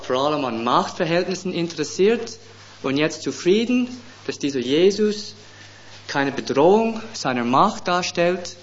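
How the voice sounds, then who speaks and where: A middle-aged man preaching a sermon, slow and deliberate, pushing up hard on key words. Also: fairly high pitch. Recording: dull lo-fi sound with faint background noise.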